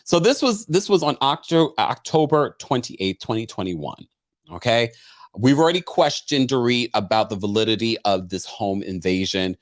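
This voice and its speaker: A man's voice: medium pitch, very animated, moderate pace. A man hosting a recap show, talking casually and gossipily to viewers, theatrical and emphatic, repeating phrases for effect. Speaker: host of reality TV recap show.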